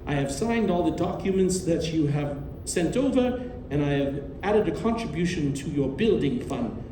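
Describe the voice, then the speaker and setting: A man's voice: a little high, expressive, moderate pace, mellow, natural voice. A man playing a formal, controlling doctor and guardian in a stage play, genteel and authoritative. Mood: courteous. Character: genteel, controlling doctor, uncle to orphan girl. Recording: distant, roomy stage recording, faint noise.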